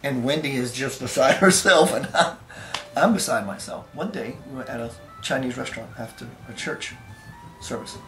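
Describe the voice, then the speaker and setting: A man's voice: mid-range voice, normal speed, fairly bright tone, roomy sound, soft background music. A man earnestly telling a first-person story, with emphatic conviction.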